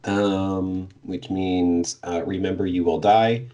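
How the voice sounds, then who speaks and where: A podcast co-host casually sums up a book's plot, hesitating with many fillers and little laughs. His voice is low-pitched, steady and warm, and he speaks at a slow pace.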